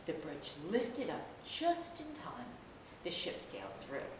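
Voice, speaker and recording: Echoey, expressive woman reading to a toddler. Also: slow. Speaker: storybook reader. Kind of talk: animated read-aloud to young children. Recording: echoey room, distant mic, noisy rumble.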